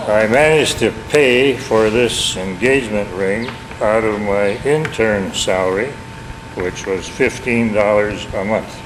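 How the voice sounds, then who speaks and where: Old guy in his 70s w upper midwest accent, lowish voice, folksy family memories, noisy home tape. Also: takes it slowly. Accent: Upper Midwestern American. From Minneapolis, United States. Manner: folksy, self-deprecating, wry. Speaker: family elder recounting memories. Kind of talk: informal oral history reminiscence. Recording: echoey, noisy home tape, background hum.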